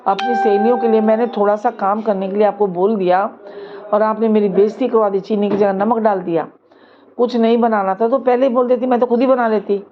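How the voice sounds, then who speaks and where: A woman's voice: medium pitch, steady tone, fairly quick, phone-quality sound, a little hiss or hum, natural voice. A woman voicing an angry young daughter-in-law who scolds her mother-in-law, in a told family story. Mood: angry scolding. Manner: scolding, indignant. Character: sharp-tongued young daughter-in-law, shouting.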